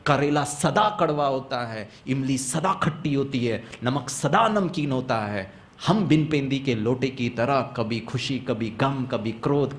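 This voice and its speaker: A man giving a motivational spiritual class, animated, asking the audience questions and mixing in English phrases. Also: mid-range voice, a little hiss or hum. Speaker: motivational speaker.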